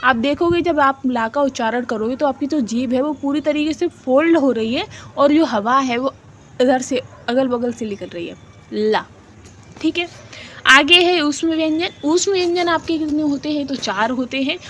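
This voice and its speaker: A woman's voice: high voice, normal speed, fairly bright tone, a little hiss or hum. A woman teacher giving an exam-prep lesson, asking her own questions and answering them, repeating syllables aloud to demonstrate sounds and mixing English words into her talk. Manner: mixes English words into Hindi.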